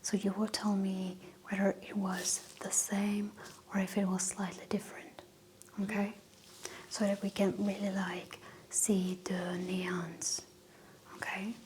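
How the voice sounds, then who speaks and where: A woman whispering gently as a doctor in a medical ASMR roleplay, giving soft step-by-step instructions. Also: medium pitch, flat delivery, measured pace, a little hiss or hum, rough recording.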